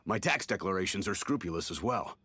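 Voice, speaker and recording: Shady game merchant, stammers and gets defensive, pitch jumping around. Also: male voice, lively intonation, brisk, bright, forceful tone, slightly rough, no echo, exaggerated voice. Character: nervous, shifty middle-aged male merchant.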